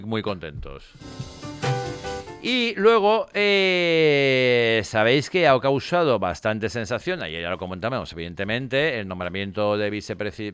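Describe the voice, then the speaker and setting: A man's voice: on the low side, fairly bright tone, clean tone, no room sound. A man from hosting a casual talk show, telling anecdotes and mimicking other people's voices. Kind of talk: casual radio chat.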